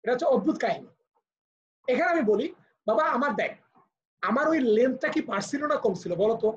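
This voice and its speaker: A man's voice: extremely high pitch, animated, a little fast, a little hiss or hum. A man with a Bangladeshi accent teaching physics in a live online class, explaining step by step and patiently. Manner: patient, explaining step by step, switching to English for terms. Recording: muffled lo-fi video call audio.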